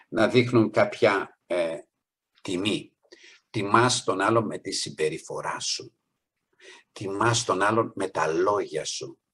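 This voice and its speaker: Man preaching, husky voice, earnest, voice lifts on key points. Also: on the low side, fairly bright tone. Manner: earnest, voice rises on key points, acts out quoted people. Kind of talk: sermon.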